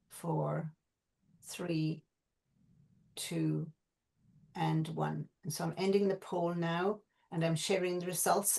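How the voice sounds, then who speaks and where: A woman hosting an online meeting, calmly running and announcing a vote. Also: on the low side, creaky.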